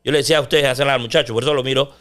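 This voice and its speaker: A middle-aged man, a sports commentator talking loudly and intensely in a casual interview. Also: mid-range voice, steady tone, very fast. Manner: loud, intense delivery.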